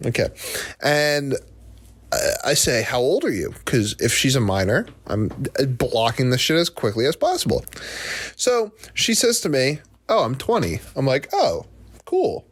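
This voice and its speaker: A podcast host from New Jersey, in his twenties, animatedly tells a comic tale and voices the people in it. He has a mid-range voice with a breathy edge and keeps a measured pace.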